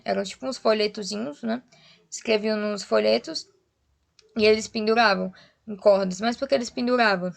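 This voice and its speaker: A woman's voice: fairly high pitch, gravelly, a bit bright. A woman teacher explaining a lesson to students, often asking rhetorical questions and checking in. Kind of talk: online class lesson.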